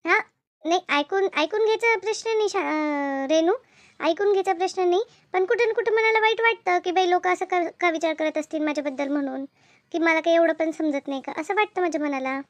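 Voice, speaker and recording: A woman voices a chatty, bossy but easily hurt village woman in a cartoon comedy, speaking rustic, repetitive Marathi with a rural Maharashtra accent. Her voice is very high-pitched and brisk, and she sounds hurt while explaining. The recording is dry.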